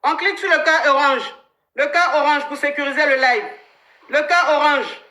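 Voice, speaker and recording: High, bright-voiced woman coaching on a live stream. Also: normal speed. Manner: animated, thanks viewers by name. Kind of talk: casual live-stream advice chat. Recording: echoey room sound.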